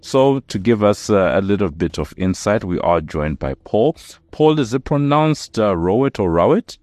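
A man's voice: fairly low pitch, very animated, normal speed, darkish tone, dry recording. A man hosting a business interview podcast, talking with many fillers and restarts. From South Africa. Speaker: podcast host.

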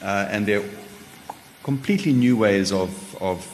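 A man's voice: fairly low pitch, normal speed. A South African man speaking informally on a panel as a publisher, discursive and a little hesitant. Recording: echoey hall, far reverb, faint noise.

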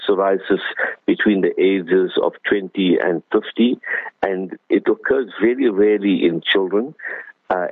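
A man, hoarse with flu and a cough, giving measured, explanatory answers as a doctor on a radio interview. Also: low-pitched, no room sound. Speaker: doctor, radio guest expert. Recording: narrow phone-like radio line.

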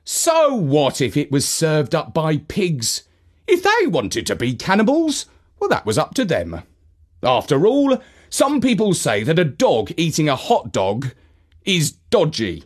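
A man narrating a children's story in a playful, expressive way. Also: a little high, unhurried. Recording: narration over music.

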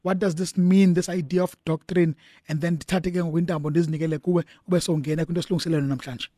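A South African man with a Xhosa accent hosts a religious radio talk show in a conversational way. His voice sits high and he talks rapidly, in a dry studio sound, moving between two languages as he goes. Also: fairly even intonation, mellow, dry recording. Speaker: radio host.

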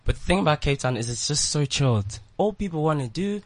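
Animated male radio host. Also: fairly high pitch, fast. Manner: animated, playful, slangy. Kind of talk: casual studio chat. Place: radio studio.

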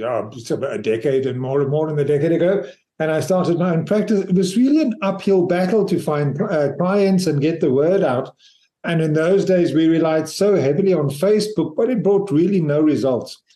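A man's voice: a little high, warm tone. A man hosting an interview podcast, reading a scripted introduction and then asking questions in a friendly way with hesitant fillers. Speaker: podcast host. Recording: echoey room with music under.

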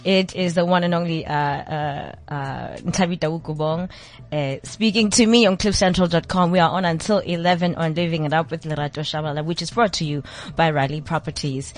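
Woman radio host, lowish voice. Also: fairly even intonation, brisk. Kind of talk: casual chat interview.

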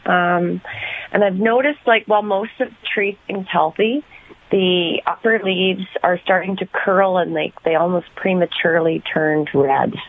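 A woman calling in to a radio show, heard through a Bluetooth headset mic on a phone line, speaking hesitantly with pauses. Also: fairly low pitch. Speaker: radio call-in listener.

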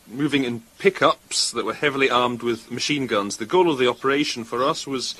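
A man's voice: medium pitch, sharp tone, slightly rough. A man speaking as a live interpreter, rendering a speech phrase by phrase with uneven pacing.

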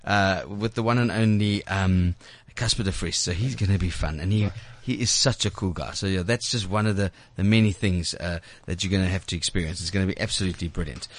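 Low-voiced and talking a little fast with few pauses, this radio host banters and teases guests during a relaxed studio interview. He frequently repeats words and starts sentences over, and the studio microphone recording is dry.

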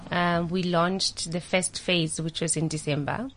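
A woman's voice: on the low side, a little slow, poor audio. A South African woman, a radio guest, talking energetically about her business. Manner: energetic and outspoken. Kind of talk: casual radio interview.

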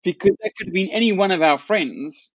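A man's voice: high-pitched, a little fast, slightly rough, no echo, lo-fi sound. A man interviewing a guest, talking casually and reflectively with small restarts. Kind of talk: casual chat.

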